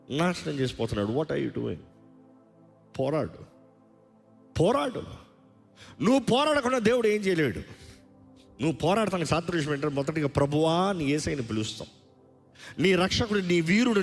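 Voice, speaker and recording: A male pastor preaching a sermon, pressing his listeners with rapid rhetorical questions and calling on the congregation to answer aloud. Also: on the high side, creaky, in a large hall. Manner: calls on the congregation to respond aloud.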